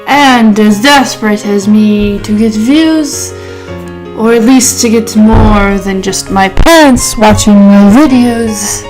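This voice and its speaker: A young woman doing a scripted comedic vlog monologue at home into a close mic, in a mock commercial-style voice. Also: a little high. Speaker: YouTuber. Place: home, indoors.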